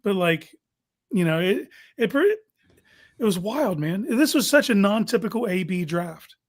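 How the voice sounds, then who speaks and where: A man's voice: sits high, expressive, unhurried. A man hosting a casual sports talk show, making his points informally and emphatically, repeating them for stress.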